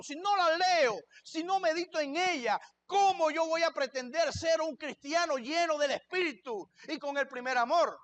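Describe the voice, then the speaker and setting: Male pastor, very high voice, preaching a sermon in church, asks questions and answers them himself. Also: a bit bright.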